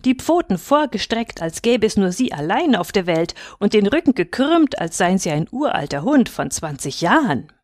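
A woman's voice: big pitch swings, normal speed, darkish tone, dry recording. Woman playing a tiny prim bunny. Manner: prim, well-mannered, raised pitch. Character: tiny proud young male bunny, prim and polite.

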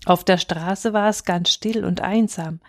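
A woman reading a fairy tale aloud in a calm, expressive way, sometimes dropping to a hush. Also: lowish voice, unhurried, no room sound, clean studio sound. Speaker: storyteller.

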